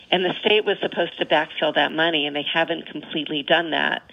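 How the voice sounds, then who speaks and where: A woman's voice: fairly low pitch, vocal fry. A woman explaining policy as an expert guest in a radio interview, over slightly muffled audio.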